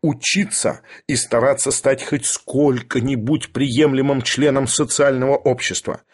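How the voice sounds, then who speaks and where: A man's voice: medium pitch, steady tone, a little slow, lightly acted. Man doing an imperious old professor. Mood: thundering. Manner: ironic, thundering, lecturing. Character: imperious, irascible older male professor. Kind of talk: audiobook character voice.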